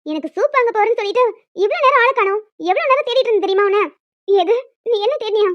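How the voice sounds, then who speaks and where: A woman voicing several emotional village women and a young daughter in a cartoon, fast and dramatic, scolding and tearful. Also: very high-pitched, animated, no echo. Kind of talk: cartoon voice acting. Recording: dull, dry lo-fi recording.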